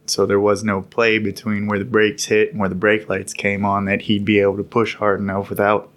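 This podcast storyteller looks back on his military service in a loose, easygoing ramble, now and then breaking into a laugh. He speaks briskly in a lowish, slightly bright voice that stays completely flat.

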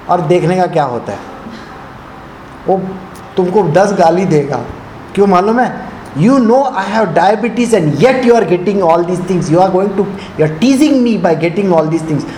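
High-voiced South Indian man teaching. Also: darkish tone. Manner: didactic, conversational, often checking understanding with questions; switches between English and Hindi. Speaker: spiritual teacher. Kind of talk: informal spiritual discourse. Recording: echoey room with faint noise.

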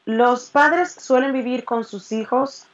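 A woman's voice: a little high, takes it slowly, highs cut off. Cheerful Dominican woman in her twenties. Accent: Dominican Spanish. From Dominican Republic. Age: 20s. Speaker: interview guest. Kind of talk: casual interview answers.

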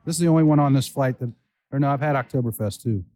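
A man's voice: mid-range voice, fast talker, dark tone. A man chatting casually and informally as a guest on a podcast, trading banter. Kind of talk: casual chat. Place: table in the corner of a brewery tap room.

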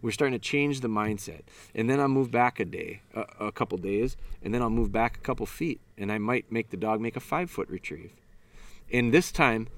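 A man's voice: mid-range voice, fairly bright tone. A man in a mid-range voice talks through retriever training like he's chatting with a fellow handler. He's blunt and folksy, and he drops into little asides where he plays out the dog's thoughts. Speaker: dog trainer and podcast host. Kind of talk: casual instructional talk.

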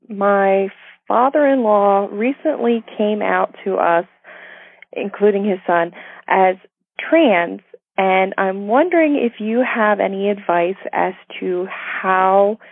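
Brief: woman caller in her thirties leaving a voicemail over a landline phone, with a tinny, dry phone sound and a hesitant delivery full of pauses. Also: medium pitch, dry recording. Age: 30s. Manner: hesitant, pausing with many ums.

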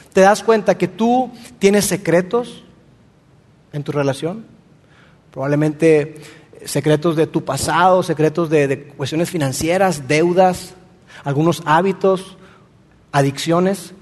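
A man's voice: a little high, measured pace, long pauses, a little mellow, long reverb tail. A man preaching a sermon, speaking earnestly and addressing the listener directly with rhetorical questions. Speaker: pastor.

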